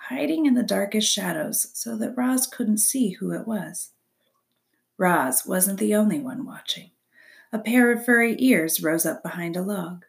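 A woman reading a chapter book aloud as a storyteller, expressive and dropping to soft whispers for suspense. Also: on the low side, creaky. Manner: expressive, drops to soft whispers for suspense, asks listeners questions.

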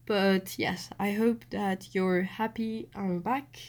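A woman's voice: mid-range voice, steady tone, slow. A young woman, hosting a solo podcast and talking directly to her listeners while she has a cold. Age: young adult. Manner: chatty, addressing listeners directly. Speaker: podcast host.

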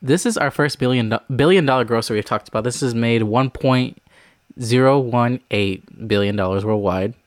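A man's voice: medium pitch, normal speed, no room sound, clean studio sound. A man in his twenties co-hosting a casual movie podcast, rambling with lots of fillers while reading out film facts. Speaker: podcast co-host. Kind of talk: casual chat.

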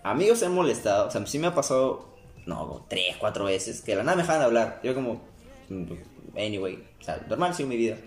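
A young man talks quickly in a loose, rambling way, breaking off and restarting his sentences. His pitch swings widely as he goes. The room sounds echoey, and faint music plays underneath. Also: sing-song. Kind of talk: casual chat.

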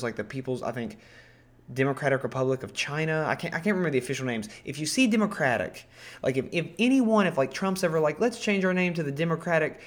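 Rambling, profane man explaining history. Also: medium pitch. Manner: rambling, profane, full of ums and self-corrections. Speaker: podcast host. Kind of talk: casual history talk.

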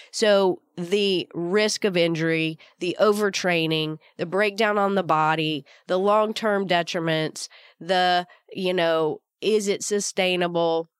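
A woman's voice: on the low side, clear, resonant tone, no echo, clean studio sound. A woman with a slightly groggy voice hosting a solo podcast, explaining informally and coaching listeners with rhetorical questions. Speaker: podcast host.

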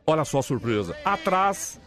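Give me a man with a high, very expressive voice, hamming up an invented story for a radio bit. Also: faint music behind. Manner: animated, playful, drawn-out exclamations. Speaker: radio comedy co-host. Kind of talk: improvised comic storytelling.

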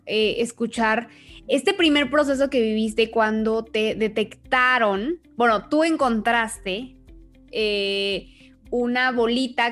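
A woman's voice: a little high, fairly bright tone. Chatty upbeat woman hosting a podcast. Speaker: podcast host. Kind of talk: faith podcast interview.

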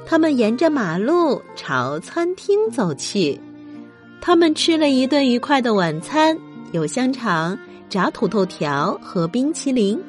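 A woman's voice: on the high side, unhurried, soft background music. A woman hosting a children's bedtime story show, narrating expressively as if speaking straight to young listeners. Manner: expressive, addresses children with questions.

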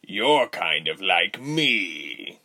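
A man's voice: sits low, big pitch swings, sharp tone, heavily acted. A man playing a smug, scheming male villain commander who smirks and threatens. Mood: menacing. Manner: slow, smirking, menacing.

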